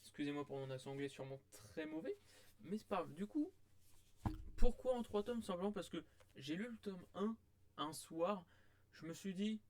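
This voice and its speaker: Young-sounding man, fairly high voice, dry close mic; rambling casual reviewer full of fillers. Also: animated, moderate pace, darkish tone, no echo. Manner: rambling, many fillers and restarts. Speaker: manga reviewer.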